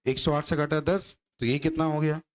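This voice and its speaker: A man's voice: on the high side, steady tone, moderate pace. A male maths teacher lecturing a class, teasing his students and firing rhetorical questions at them.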